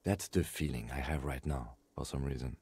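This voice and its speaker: A man voicing a calm, dry-witted police lieutenant in a video game, measured and precise, with deadpan sarcasm. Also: rumbling low, husky, exaggerated voice.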